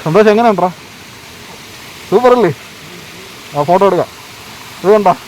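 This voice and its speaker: Higher-pitched man mixing in English, outdoor noise. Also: normal speed, darkish tone. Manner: mixes English words into Malayalam; exclaims in slang, often asks viewers how it is. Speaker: motovlogger, host. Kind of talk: casual travel vlog chat to viewers. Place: outdoors on a hill road, by motorbike. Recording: noisy outdoor ride with vehicle noise.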